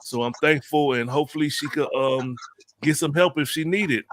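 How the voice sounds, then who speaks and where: A man co-hosting a casual panel talk show who speaks earnestly and haltingly, with lots of fillers. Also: on the high side, noisy background. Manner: earnest, halting, fills with "you know" and "um". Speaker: panel co-host.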